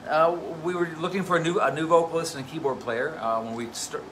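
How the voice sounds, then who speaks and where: A man who plays bass and directs a band, telling stories in a casual live question-and-answer chat, loose and full of fillers. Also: fast, fairly bright tone, a little hiss or hum, rough recording. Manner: chatty, anecdotal, loose with fillers. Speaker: bassist and band musical director.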